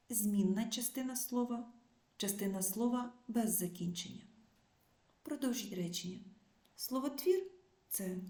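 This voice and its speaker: A woman teacher giving a remote school lesson to children, reading out word pairs slowly and clearly. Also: mid-range voice, dark tone. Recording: echoey room.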